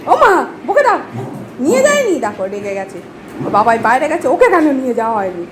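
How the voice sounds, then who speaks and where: A woman's voice: high-pitched, very animated, brisk, a loud crowd. A young woman at home filming her dog, coaxing it in baby talk and repeating words again and again. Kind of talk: casual home video chat with her dog. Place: home, indoors. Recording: noisy home recording with traffic outside.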